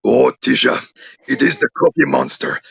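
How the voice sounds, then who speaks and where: A man voicing a greedy, cookie-munching monster with a gravelly growl and broken grammar. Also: mid-range voice, moderate pace, crowd noise, voice pushed up. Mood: gleeful greedy.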